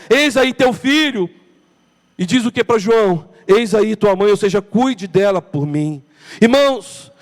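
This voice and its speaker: A man preaching a dramatic sermon in a large church, heard with a long cathedral echo. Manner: dramatic preaching that swings from loud emphasis to hushed low tones. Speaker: pastor. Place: large church hall during a morning service. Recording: voice with long hall reverb in a church.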